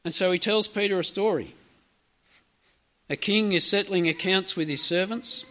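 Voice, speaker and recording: A man's voice: high voice, normal speed, pushed and bright. A man preaching a sermon, retelling a parable in a conversational, storytelling way with asides to the congregation.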